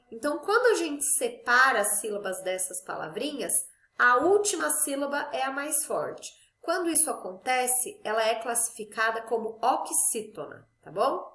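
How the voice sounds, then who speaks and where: A woman's voice: sits high, bright, forceful tone, reverberant. A woman teaching a grammar lesson to children, patiently drawing out stressed syllables as examples. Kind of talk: recorded Portuguese class for children.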